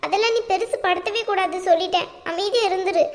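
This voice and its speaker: A woman voicing a worried young woman in a cartoon, who keeps pleading with her family to stay calm. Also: very high voice, fast. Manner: pleading, soothing. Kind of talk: cartoon voice acting.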